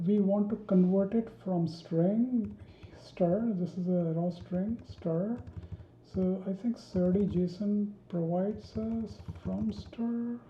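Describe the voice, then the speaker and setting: A woman teaching a coding tutorial, thinking aloud with many pauses, ums and restarts while she types. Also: mid-range voice, a little hiss or hum. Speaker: programming tutor. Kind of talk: screen-recorded coding tutorial. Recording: dull roomy home recording.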